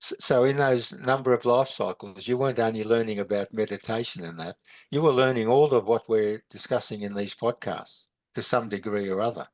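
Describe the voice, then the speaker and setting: A man's voice: lowish voice, fairly quick, a little mellow, dry recording. A man, teaching in a podcast chat, rambling with many halts and restarts. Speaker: meditation and philosophy teacher.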